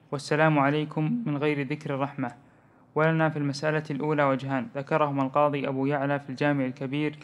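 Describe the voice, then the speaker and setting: A student reading a scholarly text aloud to his teacher. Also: mid-range voice. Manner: fast, even reading.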